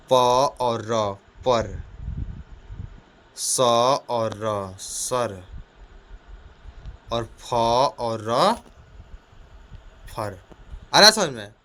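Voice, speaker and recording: Loud, energetic male teacher sounding out letters. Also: mid-range voice, very slow, pauses often. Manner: repetitive, asks questions to the class, sounds out letters; speaks loudly and energetically. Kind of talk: children's lesson. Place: small room.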